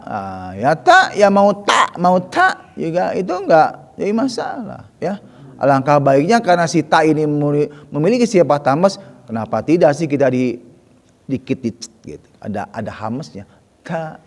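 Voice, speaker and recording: A man teaching Quran recitation in a relaxed way. He drills Arabic letter sounds, repeating them slowly and correcting them with chatty asides. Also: a little high, long reverb tail.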